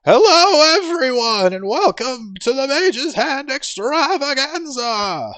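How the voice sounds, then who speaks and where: A man voicing a boastful male showman, his announcement magically amplified into a booming voice in a tabletop game. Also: very animated, takes it slowly, fairly bright tone, no echo, full character voice. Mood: showy. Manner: grandiose announcer style. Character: boastful male showman hosting a tavern trivia night.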